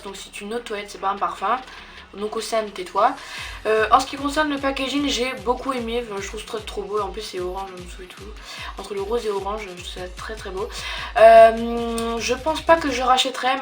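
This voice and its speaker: A young woman with a fairly high voice talks through beauty products she has used up, in a relaxed, casual way. She hesitates often, restarting her sentences and filling gaps with "euh". Soft music plays faintly behind her. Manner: hesitant, many fillers and restarts. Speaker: beauty vlogger. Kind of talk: casual product review chat.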